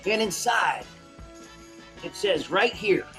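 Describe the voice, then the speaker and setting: A man's voice: high-pitched, sing-song, slow pace, sharp tone. A man hosts a magic show like a kids' party magician, hammy and theatrical. His phrasing is folksy Old West showman talk, addressed out to the audience. Music plays behind his voice. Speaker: stage magician and show host.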